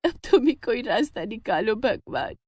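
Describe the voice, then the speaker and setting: A woman's voice: on the high side, very animated, moderate pace, a little mellow, a little hiss or hum. A woman voicing a frightened pregnant cow who cries out and begs, in a cartoon. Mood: tearful prayer. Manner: crying out, begging. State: crying. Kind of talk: cartoon voice acting.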